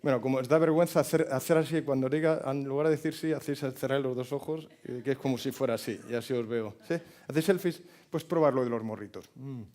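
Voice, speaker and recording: A man's voice: mid-range voice, fast talker, few pauses, warm tone. A man in his fifties with a Spain Spanish accent gives a motivational talk. He tells stories, jokes with the audience and asks it questions. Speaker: speaker at a hospitality forum.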